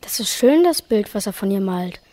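A woman's voice: medium pitch, expressive, normal speed, warm tone, a little hiss or hum, natural voice. A woman voicing a polite, know-it-all young child who lectures the others in a cartoon. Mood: lecturing. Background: music.

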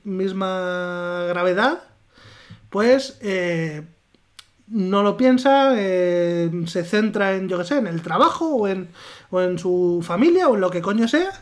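Deliberate podcast man. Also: sits high, animated. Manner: deliberate, argumentative, with pauses and fillers. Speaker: podcast co-host. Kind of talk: casual chat.

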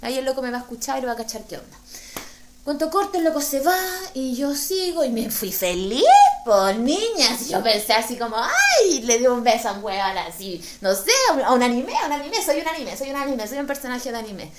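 A woman with a Chilean accent telling a comic story, slangy and animated, acting out the voices in her tale. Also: fairly high pitch, a little fast, reverberant, a little hiss or hum. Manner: animated, slangy, acts out dialogue. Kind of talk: stand-up storytelling.

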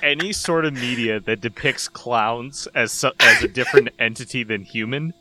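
A man's voice: mid-range voice, normal speed, bright, forceful tone. A man co-hosting a casual podcast, dropping wry reactions and reading the show's sign-off. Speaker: podcast co-host.

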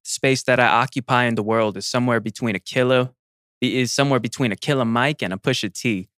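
A man's voice: mid-range voice, quick pace, a bit bright, no room sound, clean studio sound. Hyped-up male podcast co-host. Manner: hype, talks to listeners as "people". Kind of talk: casual hip hop album review chat.

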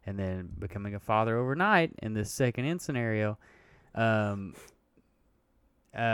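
A man's voice: lowish voice, clean tone, no echo. A man co-hosting a casual podcast, blunt and profane, joking as he chats about parenting. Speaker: podcast co-host.

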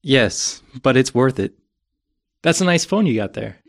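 A man's voice: medium pitch, sing-song, measured pace, vocal fry. A man with an American accent, hosting a scripted language lesson podcast with some casual chat.

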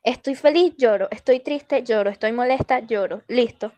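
High-voiced young Venezuelan woman, slangy. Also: normal speed, mellow. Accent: Venezuelan Spanish. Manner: laughing often, slangy and self-mocking. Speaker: podcast co-host. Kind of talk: casual chat.

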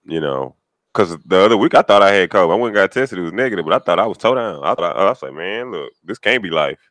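Bright, lively man chatting on a podcast. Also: sits low, rapid-fire, dry recording. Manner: slangy, informal. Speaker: podcast co-host. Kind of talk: casual banter.

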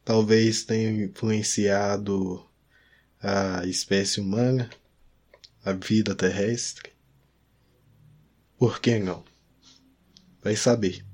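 A Brazilian man with a somewhat low voice talks in a casual chat. His phrasing is informal and slangy, as between friends. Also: steady tone, slow pace, pauses often, a little mellow, husky.

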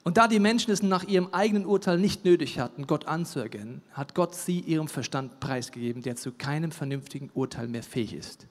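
A man preaching a sermon with emphasis, swinging from loud declaiming to hushed, intimate asides. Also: a little high, a little fast, hardly any pauses. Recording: long hall reverb.

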